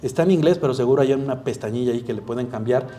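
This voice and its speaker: Animated Mexican male psychiatrist. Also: medium pitch, racing, a little hiss or hum. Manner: animated, acting out dialogues. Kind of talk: live masterclass talk. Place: event hall.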